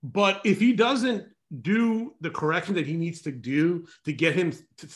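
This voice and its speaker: A man's voice: high-pitched, measured pace. A man co-hosting a sports podcast, rambling earnestly and repeating words as he builds his point. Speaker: podcast co-host. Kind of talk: casual sports chat.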